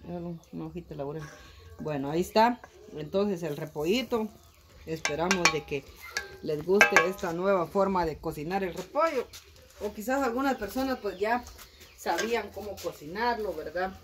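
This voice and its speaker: A woman in her thirties talks viewers through her cooking in a relaxed, chatty way. She is recorded outdoors on a phone at a wood-fire stove. The sound of sizzling food and the fire stays clearly behind her. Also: lowish voice, normal speed. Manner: chatty, explains steps to viewers. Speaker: home cook and channel host. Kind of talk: casual cooking vlog. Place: outdoor kitchen with wood fire under a tin roof. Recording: noisy outdoor phone audio.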